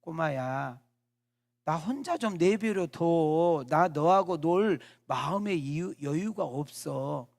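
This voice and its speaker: A man voicing a bitter young man of twenty-nine who has just lost his sight, speaking in irritable, shouting outbursts within a sermon story. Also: on the high side, lively intonation, slow, creaky, exaggerated voice. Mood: weary.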